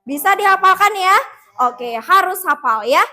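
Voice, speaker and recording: High, bright-voiced woman teaching slowly. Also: animated. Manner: slow, clear drilling with repeat-after-me prompts. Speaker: English teacher. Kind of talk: bilingual classroom lesson. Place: classroom.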